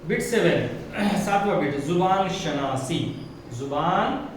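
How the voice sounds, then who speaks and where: Slow and patient, a man with an Urdu-speaking Indian accent works through a textbook lesson, repeating words and spelling letters aloud. His voice is on the high side with lively intonation and a slightly slow delivery, captured by a distant mic in a very echoey room with faint noise behind.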